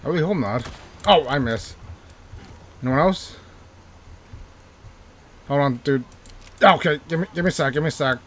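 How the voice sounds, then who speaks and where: This male let's-play host, a gaming YouTuber, speaks at normal speed in a higher register, pausing often. His commentary is relaxed and self-deprecating, he loops phrases under pressure, and he quips that English isn't his native tongue.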